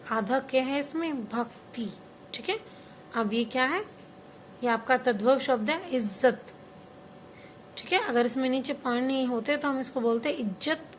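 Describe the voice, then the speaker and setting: A woman's voice: sits high, a little hiss or hum, low-quality recording. A woman teaching a Hindi class to young children, patiently explaining word meanings and having them repeat words after her. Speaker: primary school teacher.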